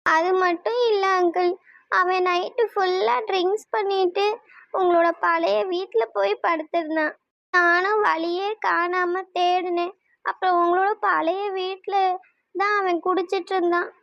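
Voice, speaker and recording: A heartbroken young woman in a cartoon, voiced by a woman. She pleads and explains in a high, tearful voice. The sound is dry and close. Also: steady tone, measured pace, a bit bright, no room sound, dull audio, heavily acted.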